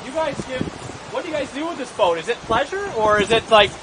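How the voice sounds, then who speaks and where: A man's voice: extremely high pitch, animated, quick pace, very noisy. A man in his thirties on a vlog trip, chatting casually and asking a lot of questions outdoors on a harbor dock. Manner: curious, asks many questions. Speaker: vlogger touring a harbor. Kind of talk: casual chat.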